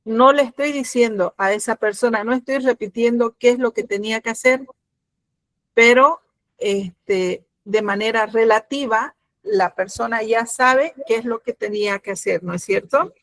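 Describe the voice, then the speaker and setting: A middle-aged woman teaching a grammar lesson, explaining patiently, often pausing with fillers and checking that students follow. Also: on the high side, fairly bright tone.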